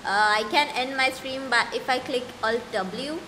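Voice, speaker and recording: A woman's voice: high voice, normal speed, noisy background. A woman streaming a game live, chatting casually and giggling with her viewers.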